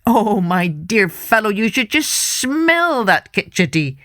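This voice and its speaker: A crafty old woodcutter, as a woman storyteller puts him on, coaxing and sly, his voice rising and falling in a lively way. He is a hungry old man in a folktale read to children. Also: medium pitch, slow pace, no room sound, studio quality.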